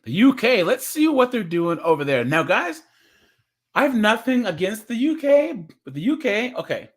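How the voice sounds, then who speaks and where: A man's voice: high voice, sing-song, moderate pace. A young man giving casual reaction commentary as a streamer, chatty, laughing often and restarting his words as he reads.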